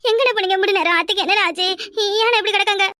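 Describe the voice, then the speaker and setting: A woman's voice: extremely high pitch, very fast, bright, forceful tone, no room sound, studio quality. A woman voicing a frantic young daughter-in-law in a cartoon, wailing and accusing. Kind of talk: cartoon voice acting.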